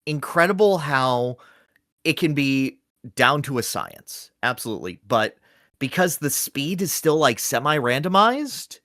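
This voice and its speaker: Animated man in casual gaming chat. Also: mid-range voice, no room sound, clean studio sound. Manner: animated, slips into quick comic voices for quoted lines. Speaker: podcast co-host.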